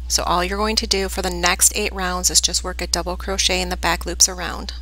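A woman teaching crochet step by step, calmly counting stitches aloud over close-up shots of her hands. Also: lowish voice, fairly quick, poor audio. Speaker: crochet instructor. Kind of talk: step-by-step tutorial narration.

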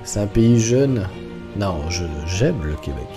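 A man's voice: lowish voice, big pitch swings, slow pace, music in the background. A young adult man streaming a game live, chatting and joking with his viewers in a rambling casual way. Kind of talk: casual live gameplay commentary.

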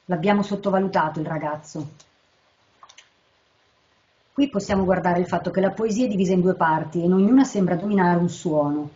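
A woman translator giving a measured literary lecture, reading short poems slowly and carefully between her explanations. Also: lowish voice, a little mellow, muffled recording. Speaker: translator presenting a poet.

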